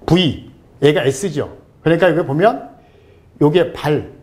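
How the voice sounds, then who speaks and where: A man's voice: on the high side, takes it slowly, darkish tone. A middle-aged man giving a casual, joking tutoring lesson over a screen recording, talking straight to his viewers. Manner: playful, joking, talks to viewers directly. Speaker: online tutor.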